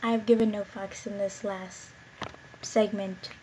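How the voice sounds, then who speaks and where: A woman's voice: medium pitch, flat delivery, slow pace, darkish tone, a little hiss or hum, poor audio. A tired woman who reads a romance visual novel aloud and breaks off into giggly, self-mocking commentary. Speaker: let's play host. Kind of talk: casual let's play commentary and reading aloud.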